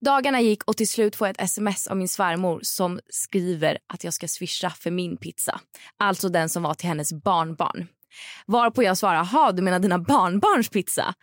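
A young woman with a Swedish accent, a podcast host who reads listener stories aloud and chats casually, answering with quick affirmations. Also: lowish voice, no echo, clean studio sound. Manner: reacts with short affirmations, reads stories in a lively way.

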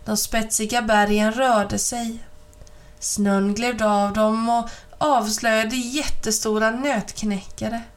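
A woman reading a children's story aloud as an audiobook, in even, clear storytelling narration. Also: fairly high pitch. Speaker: reader.

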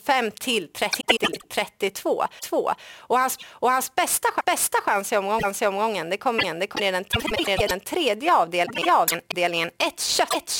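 A woman giving harness racing betting tips, talking haltingly with many restarts. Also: on the high side, fairly bright tone, no room sound. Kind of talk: scripted betting tips chat.

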